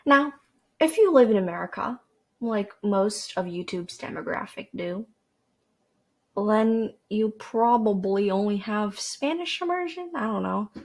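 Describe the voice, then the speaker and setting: Speaking a little slowly, this podcast host has a mid-range voice with lively intonation. She's a young woman from Canada who chats into a corded desk mic, poking fun at herself and padding her rambling with fillers and restarts.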